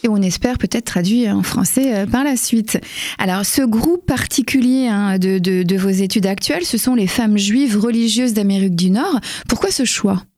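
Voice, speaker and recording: A woman hosting a radio interview, asking measured, polite questions with occasional fillers. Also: medium pitch, a little mellow, no echo. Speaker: radio host.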